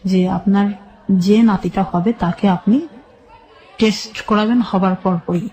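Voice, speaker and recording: This interview features a woman with a Bangladeshi accent telling her own life story in a dark, soft-edged voice at an ordinary female pitch with a steady tone. She speaks haltingly and in detail, step by step, often echoing a phrase, while some chatter sounds behind her on a rough recording.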